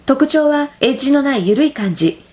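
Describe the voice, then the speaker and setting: A woman briskly reading a quoted comment aloud. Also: high voice, expressive, darkish tone.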